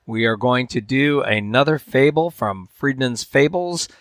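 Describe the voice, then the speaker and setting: A man's voice: mid-range voice, expressive, over loud music. Man reading a fable aloud on a podcast. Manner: measured storytelling delivery. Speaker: podcast host.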